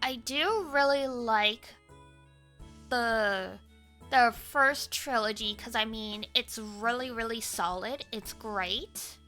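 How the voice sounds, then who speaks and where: A young woman streamer chats casually in a slow, somewhat high voice, rambling along with plenty of fillers. She's talkative and loose, with soft cafe music playing behind her.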